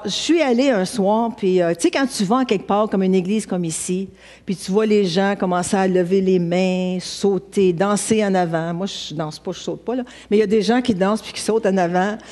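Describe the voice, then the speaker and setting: Older Québécois woman pastor preaching. She tells stories, laughs easily and acts out the voices she quotes. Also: medium pitch. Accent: Québécois French. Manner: conversational storytelling, laughs often, animated quoting. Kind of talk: sermon.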